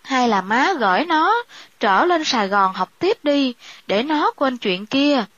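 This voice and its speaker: A woman's voice: high-pitched, sing-song, measured pace, fairly bright tone, no room sound, lo-fi sound, full character voice. Woman doing a strained pleading young daughter.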